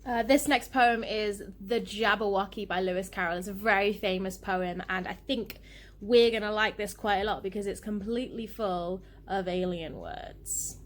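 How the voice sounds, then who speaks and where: A woman teacher reads poems aloud to children in a lively, expressive way. Her storytelling is animated and clear. She is the class's regular teacher presenting the poems. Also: mid-range voice, moderate pace, a little hiss or hum. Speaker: primary school teacher.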